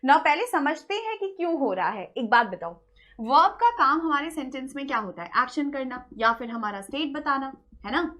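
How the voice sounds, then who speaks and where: With a high-pitched, sing-song delivery and a sharp tone, a woman lectures online about English grammar. She explains in a Hindi-English mix, answers her own questions, and slows down on example sentences.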